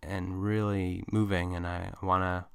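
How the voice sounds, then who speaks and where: A male podcast host talks casually into a close mic, musing and thinking aloud. His voice sits on the low side but sounds bright and forceful, with a smooth, crisp clarity. The sound is dry, with no room echo. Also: level tone, measured pace.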